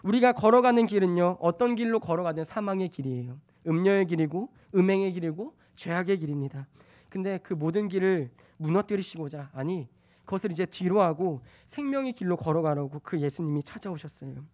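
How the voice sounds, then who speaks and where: Young man, sermon, high voice, loud readings then hushed asides. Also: a little fast. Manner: swings from loud scripture reading to soft, hushed confiding; acts out his own angry and tender words in quotes. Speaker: preacher.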